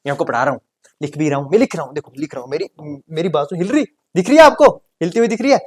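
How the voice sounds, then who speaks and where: A man's voice: a little high, rapid-fire. Chatty, joking male grammar teacher. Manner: chatty and joking, with lots of rhetorical questions to students; animated, swinging between loud coaxing and soft asides. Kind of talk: exam-prep grammar lesson.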